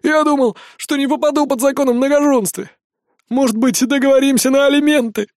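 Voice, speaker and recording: A man's voice: very high-pitched, steady tone, brisk, a little mellow, no echo, studio quality, pitched above the performer's own voice. A man doing a wailing panicked young fop. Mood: panicked pleading. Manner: wailing, pleading.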